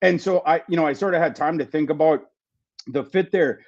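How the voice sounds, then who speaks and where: A man giving fantasy football analysis in a casual podcast chat, talking quickly and restarting his sentences. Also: on the high side, darkish tone, dull audio. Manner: fast, repeats words and restarts often.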